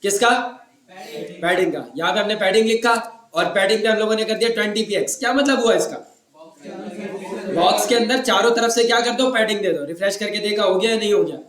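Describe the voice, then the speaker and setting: Hoarse high-voiced man teaching a class. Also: fairly quick, fairly bright tone, roomy sound, recorded from a distance, low-quality recording. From Pakistan. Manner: teasing, keeps asking the class if they follow. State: sore throat. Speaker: web development instructor. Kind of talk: classroom lecture.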